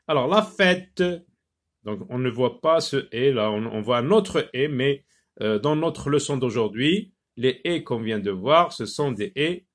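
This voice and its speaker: A man teaching a phonics lesson to children, slowly repeating each word and stressing its syllables. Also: a little high. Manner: slow, deliberate, repeats words syllable by syllable.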